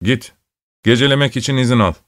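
A man's voice: medium pitch, a little fast, fairly bright tone, natural voice. A man voicing a blunt young Cossack neighbor in a storybook reading.

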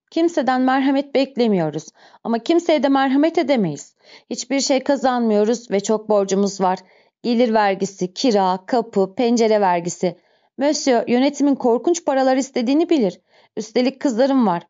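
A woman's voice: on the high side, warm tone, lightly acted. A woman reading an audiobook voices a greedy, scheming female innkeeper who whines and wheedles. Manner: whiny, pleading, then gushing. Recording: dull lo-fi recording.

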